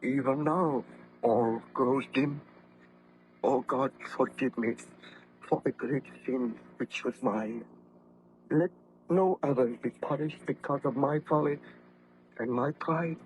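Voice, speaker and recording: An actor playing a weak, guilt-ridden baron-scientist in formal, declamatory old-time radio drama style. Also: male voice, mid-range voice, slow pace, long pauses, close to an everyday voice. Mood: dying, penitent. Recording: noisy vintage radio drama recording.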